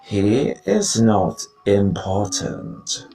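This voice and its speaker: A woman's voice: rumbling low, sing-song, drawn-out words, dark tone, soft background music, full character voice. A woman voicing a cruel, imperious witch leader who barks orders in broken, foreign-sounding grammar. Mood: commanding.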